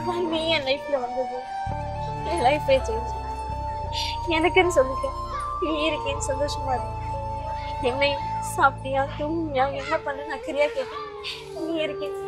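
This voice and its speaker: A young woman plays an emotional college girl in a romance series. Her voice sits high, and she talks with tearful earnestness. Music plays underneath. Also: normal speed, long pauses, close to an everyday voice, low-quality recording. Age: young adult. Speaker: college student. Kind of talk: web series acting.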